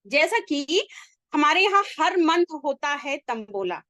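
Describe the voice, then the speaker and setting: A woman giving an animated motivational talk to her team, telling a joke as a story and asking the listeners rhetorical questions. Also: high voice, takes it slowly, no echo, clean studio sound.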